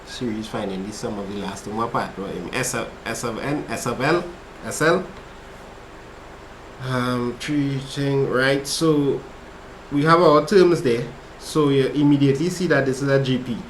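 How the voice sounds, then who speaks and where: Medium in pitch and measured in pace, a man with a Trinidadian accent tutors maths over a casual livestream, chatting with viewers between steps. He keeps things relaxed and talkative, reading chat aloud as he works. It's a low-quality, reverberant recording with slight background noise, typical of a casual livestream study session.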